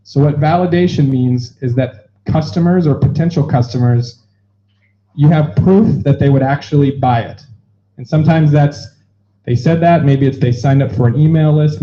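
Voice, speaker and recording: With a fairly high voice, a male event facilitator runs through the rules for the audience, cheerful and full of jokes and quick side comments. The recording is dull and lo-fi, with a little hiss or hum.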